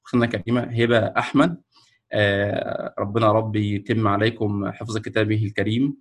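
A man with an Egyptian Arabic accent announces the winners of a Quran memorization course on a video call, speaking slowly and hesitantly, with many fillers and restarts. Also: on the low side, little pitch movement. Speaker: ceremony host announcing winners. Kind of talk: ceremony announcement. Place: online video call presenting a screen.

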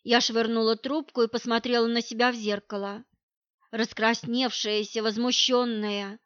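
A woman narrating a first-person audiobook, lively and emotional, with a fairly high voice. The recording is dry and close, with a slightly dull, lo-fi tone. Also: normal speed, clean tone, no room sound.

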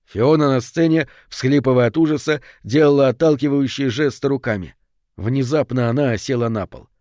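A man narrating a horror story in a steady, measured audiobook read. His voice sits at an ordinary middle pitch. The sound is close and dry, with no room around it. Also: no room sound.

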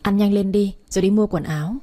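A woman's voice: mid-range voice, steady tone, fast talker, warm tone, lightly acted. A woman voicing a young master who speaks in cold, clipped commands and teases. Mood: curt. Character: curt, teasing young master, male.

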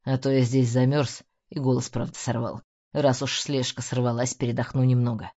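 Woman playing a weary ex-detective man, gruff, mutters through his teeth, deep mellow voice, dull audio. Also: flat delivery, moderate pace. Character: weary middle-aged male ex-detective.

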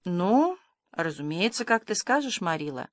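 A woman's voice: on the low side, very animated, a little slow, no echo. A woman doing a shy, mumbling old farmer. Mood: gentle. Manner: hesitant, mumbling, soft-spoken. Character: shy, gentle older male farmer.

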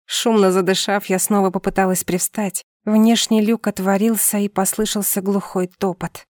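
A woman narrating an audiobook in the first person with lively, expressive storytelling. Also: medium pitch, normal speed, no room sound, clean studio sound.

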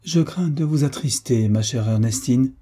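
A syrupy, sighing devout woman who schemes behind her piety, read by a man. Her voice stays dark and warm, with a husky edge, and her tone is soft and unctuous. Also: medium pitch, moderate pace, pitched above the performer's own voice, close to an everyday voice. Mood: sanctimonious. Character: sweetly scheming pious older woman.

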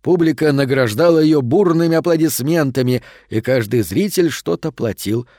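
Calm male storybook narrator. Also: on the high side, normal speed, no room sound, studio quality. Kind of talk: audiobook storytelling.

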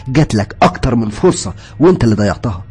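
A man's voice: mid-range voice, sing-song, fast talker, a little mellow, slightly rough. A man voicing a frightened, guilt-stricken young woman in a horror story, speaking in an Egyptian Arabic accent with a raised, strained voice. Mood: insistent.

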